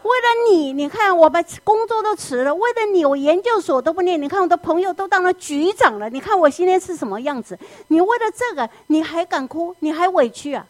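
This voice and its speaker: Shrill nagging mom, loud and high, as a woman puts her on, dry sound. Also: expressive, no echo. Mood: aggrieved. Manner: shrill, nagging, rapid-fire questions. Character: scolding furious middle-aged mother.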